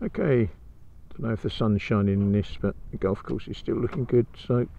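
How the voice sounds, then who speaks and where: A man's voice: on the low side, normal speed, creaky. A British man chatting casually as he vlogs from a motorbike, his voice enclosed inside a helmet. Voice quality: muffled, enclosed sound from talking inside a helmet. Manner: chatty, colloquial. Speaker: motorcycle vlogger. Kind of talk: casual vlog chat while riding. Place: outdoors, riding a motorbike on country roads. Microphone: microphone inside the helmet. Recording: muffled helmet mic, loud wind and engine noise. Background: wind and vehicle noise.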